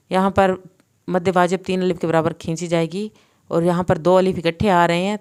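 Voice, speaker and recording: A woman teaching Quran recitation, reciting verses slowly and then explaining the pronunciation rules quickly. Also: fairly low pitch, clear, resonant tone. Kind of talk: tajweed lesson with slow recitation.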